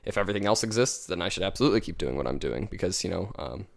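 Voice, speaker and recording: A man's voice: sits low, lively intonation, very fast, creaky. A man co-hosting a podcast, a student, explaining philosophy at length in casual chat and hedging as he goes.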